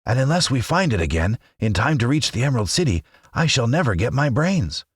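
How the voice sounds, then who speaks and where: Man doing a grumbling storybook scarecrow, pitched up. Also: very animated, a little fast, husky, dry recording, clean studio sound. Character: fretful male scarecrow, eager and grumbling.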